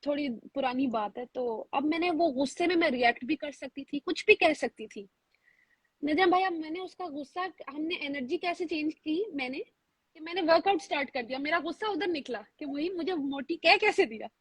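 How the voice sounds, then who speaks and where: A woman's voice: high-pitched, no room sound. A woman hosting a talk, chatty and affirming, relating the topic to her own life. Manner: chatty, shares personal stories, affirming. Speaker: host. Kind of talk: casual talk show chat.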